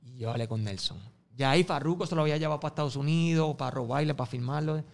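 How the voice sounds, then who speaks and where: A man with a Puerto Rican Spanish accent, a guest telling animated stories in an interview and acting out the voices of the people in them. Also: a little high, racing, gravelly. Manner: acts out quoted voices, swings loud and soft. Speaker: music promoter and guest.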